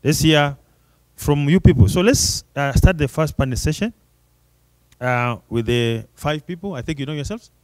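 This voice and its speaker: A man's voice: on the high side, lively intonation, moderate pace, no room sound, low-quality recording. Encouraging male session moderator, dry sound. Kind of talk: informal event moderating.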